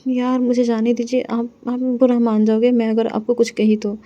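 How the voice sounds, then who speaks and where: Woman playing a bashful young woman in love, soft stammering delivery, mellow dark tone, flat melody. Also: on the high side, moderate pace, lightly acted. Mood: earnest. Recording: dull lo-fi recording.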